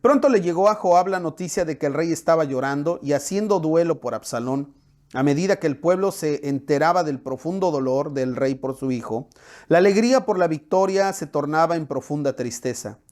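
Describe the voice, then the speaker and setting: Mexican pastor with a higher voice. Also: male voice, fairly quick. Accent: Mexican Spanish. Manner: expressive reading, spoken fillers when explaining. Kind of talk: sermon with Bible reading.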